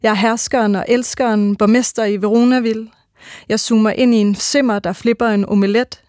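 A woman's voice: on the high side, steady tone, darkish tone, dry recording. Woman reading poetic prose, dry sound. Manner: measured, rhythmic first-person reading.

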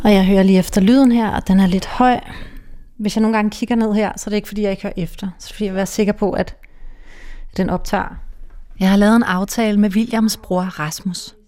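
A woman narrating a documentary in a calm, measured, soft-spoken way. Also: mid-range voice, no room sound. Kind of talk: scripted narration.

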